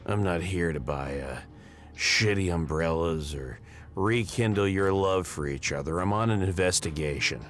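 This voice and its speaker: A man voicing a sardonic male detective, reading game dialogue aloud in a low, husky voice. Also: normal speed, soft background music, close to an everyday voice. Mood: dismissive. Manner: hardboiled, sardonic. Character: gruff male detective investigating.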